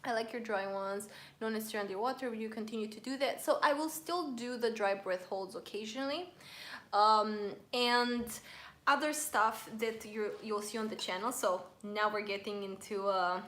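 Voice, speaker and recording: A woman's voice: medium pitch, normal speed, a bit bright, echoey room. A woman hosting a casual live stream, chatting and reading viewer comments aloud while she eats.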